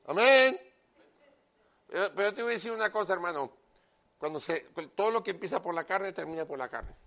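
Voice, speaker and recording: A man delivers a sermon in a loud, emphatic voice with a gravelly edge. His voice sits somewhat high for a man, and he talks straight to his listener, mixing earnest preaching with joking asides. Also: fast. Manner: animated, with joking asides and repeated direct address to the listener.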